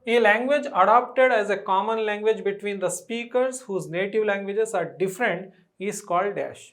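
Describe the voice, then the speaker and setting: Exam-prep teacher, step-by-step explainer, reads English questions out slowly, keeps asking the class. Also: mid-range voice, a bit bright.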